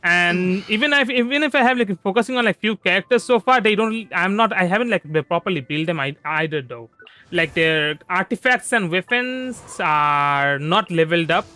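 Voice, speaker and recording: Over gentle background music, a high, bright-voiced man narrates his gameplay on a casual livestream at normal speed and with plenty of expression. He tends to ramble, often circling back to restart or repeat what he was saying.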